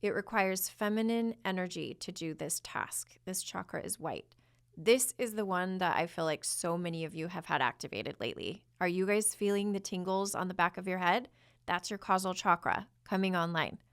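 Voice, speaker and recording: A woman hosting a spiritual podcast, chatting loosely and drifting into hushed, breathy passages and flowing chants of invented syllables. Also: on the low side, normal speed. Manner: chatty, rambling, frequent restarts. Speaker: podcast host, spiritual channeler. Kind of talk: casual spiritual guidance with channeled chanting.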